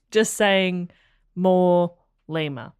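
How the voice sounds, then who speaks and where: A woman, a guest on a comedy podcast, trading quick, playful quips. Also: lowish voice, a little mellow, smooth, dry recording, studio quality. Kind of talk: casual comedy chat.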